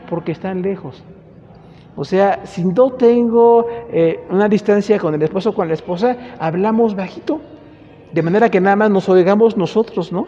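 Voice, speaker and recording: Mexican Spanish man, Bible class lecture, high voice, mellow dark tone, long reverb, dull lo-fi sound. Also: a little hiss or hum. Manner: conversational, frequent rhetorical tag questions. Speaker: Bible teacher. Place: church hall.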